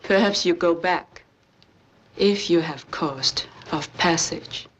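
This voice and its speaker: In an old film, an actress plays a cool, stern go-between for a crime boss, speaking clipped, formal broken English in a husky, breathy voice. Her voice is lowish and her pace slow, her mood cool and disdainful, and the audio sounds dull.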